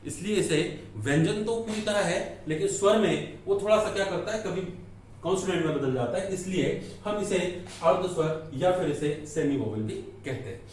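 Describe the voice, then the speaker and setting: A man's voice: sits high, lively intonation, normal speed, a little mellow, slight background noise. A man teaching English grammar in a lecture, asking questions and answering them himself. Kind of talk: classroom lecture explaining in Hindi. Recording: echoey room, mic at a distance.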